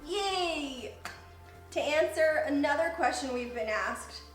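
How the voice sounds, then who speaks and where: A woman's voice: high-pitched, animated, slow pace. A woman co-hosting a casual chat to camera, bubbly and joking, given to exclamations. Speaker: video creator, co-host. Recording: roomy echo, faint music behind.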